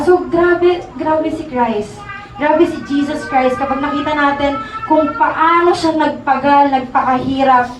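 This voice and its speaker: A woman's voice: sits high, slight background noise. A woman preaching a sermon in a conversational way, often asking the congregation for agreement. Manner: conversational, mixing in English, asks the crowd for agreement. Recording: echoey room, from far off.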